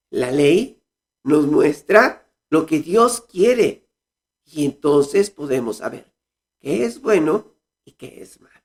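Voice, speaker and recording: A man giving a home Sunday school Bible lesson, reading scripture aloud with expression. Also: a little high.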